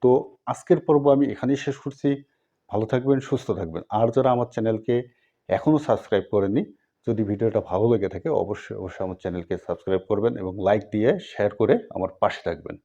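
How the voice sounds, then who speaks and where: Patient male teacher drilling sounds slowly. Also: lowish voice, dark tone, lo-fi sound. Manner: slow, repetitive drilling with pauses; patient, addresses viewers directly. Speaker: language teacher. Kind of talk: step-by-step language lesson.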